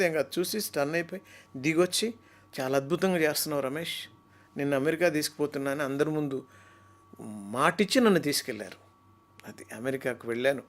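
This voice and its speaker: A man, a mimicry artist, telling stories in an animated, talkative way during an interview. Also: mid-range voice. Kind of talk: interview chat.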